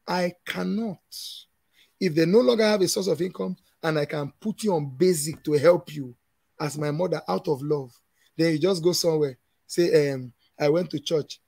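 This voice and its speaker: A man's voice: on the high side, vocal fry, darkish tone, slightly rough, dry recording. A man in his thirties with a Nigerian English accent, answering questions as a conference speaker in an emphatic, preachy way, often laughing.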